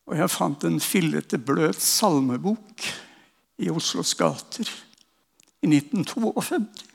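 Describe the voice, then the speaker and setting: An older man from Norway tells his testimony and prays in an earnest, unhurried way. His voice sits a touch high and carries a gravelly edge. The sound rings with a long hall reverb. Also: animated. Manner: earnest storytelling, ends in slow prayer. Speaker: preacher. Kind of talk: sermon testimony. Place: church hall.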